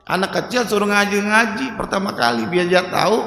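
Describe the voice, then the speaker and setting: High, bright-voiced preacher in an echoing mosque hall. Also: male voice, creaky, a little hiss or hum. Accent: Betawi Indonesian. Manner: chanting Quranic verses slowly between casual explanations; joking asides with soft laughs. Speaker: Islamic religious teacher. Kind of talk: mosque study-circle lecture. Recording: echoey hall reverb.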